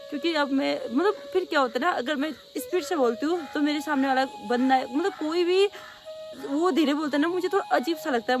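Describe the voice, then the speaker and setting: A young woman vlogger from the hill region, answering viewer questions in quick, loud, casual chat. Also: high-pitched. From Pahadi hill region of North India. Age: young adult. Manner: talks very fast and rather loudly.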